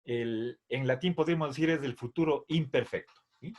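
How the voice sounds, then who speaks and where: A middle-aged man teaching a Latin grammar lesson, patiently explaining and repeating verb forms, checking in with "¿sí?" after each point. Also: mid-range voice. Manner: drills verb forms slowly, syllable by syllable. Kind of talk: slow classroom explanation.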